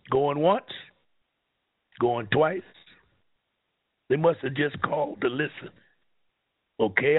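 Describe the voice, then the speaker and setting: A man hosting a call-in radio talk show, fiery and preachy, swinging between shouting and low asides. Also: husky. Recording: tinny phone-line radio sound.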